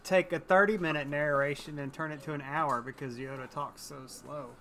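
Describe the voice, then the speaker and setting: A man's voice: on the high side, fairly even intonation, moderate pace, a bit bright. A man co-hosting a homesteading live stream, answering in short, dry, understated jokes. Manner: dry, understated joking, brief replies. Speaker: homesteading channel co-host. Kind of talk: casual live-stream chat.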